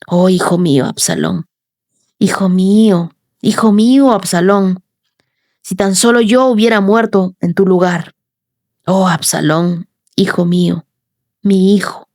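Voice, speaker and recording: A woman voicing a grieving old king who mourns his son, with slow, lamenting delivery. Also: medium pitch, darkish tone, dry recording, clean studio sound, close to an everyday voice.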